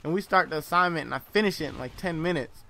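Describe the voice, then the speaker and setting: A young man telling a story in a casual, rambling way, animated with lots of fillers and laughing often. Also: fairly high pitch, fast, no room sound. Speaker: vlogger.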